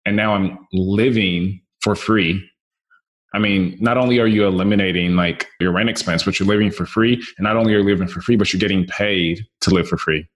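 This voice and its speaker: Man host, very deep voice, upbeat and encouraging interviewer. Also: fairly even intonation, fairly quick. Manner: enthusiastic, encouraging. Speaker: podcast host. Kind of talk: conversational interview.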